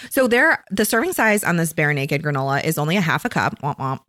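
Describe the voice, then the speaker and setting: A woman's voice: deep voice, big pitch swings, a little fast, a bit bright, no echo, clean studio sound. A woman co-hosting a casual podcast chat on a headset, reviewing products and reading out label figures. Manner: chatty, reads out label figures. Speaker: podcast co-host.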